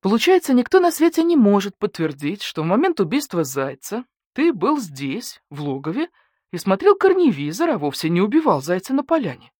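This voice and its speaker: An icy, suspicious male badger-cat detective, as a woman reader puts him on, pressing his questions coldly in a storybook mystery. The lines move with a lively rise and fall, close and dry. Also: mid-range voice, brisk, no echo, pitched above the performer's own voice. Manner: cold, suspicious interrogating tone.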